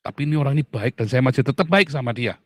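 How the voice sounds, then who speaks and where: A male pastor, preaching in an animated, mocking way that swings from loud outbursts to low asides. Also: racing, no room sound, studio quality. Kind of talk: sermon.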